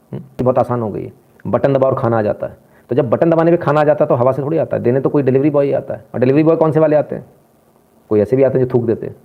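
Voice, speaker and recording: A man's voice: medium pitch, gravelly. Indignant male news commentator, tinny sound. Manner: indignant, lecturing, addresses viewers directly.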